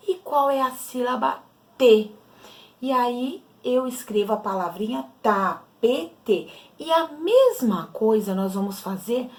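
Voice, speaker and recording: A Brazilian woman teaches young children to read, sounding out syllables slowly and carefully. Her pitch rises and falls in a lively, sing-song way. She speaks in a patient, unhurried manner throughout. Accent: Brazilian Portuguese. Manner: slow, patient, explains syllables step by step to children. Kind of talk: children's literacy lesson.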